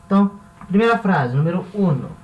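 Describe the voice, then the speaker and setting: A woman's voice: lowish voice, animated, fairly quick, dull audio, a little hiss or hum. A woman who teaches a language lesson. She explains each step patiently and often checks in with the class. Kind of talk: classroom-style video lesson. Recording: roomy echo, voice from a distance off the mic.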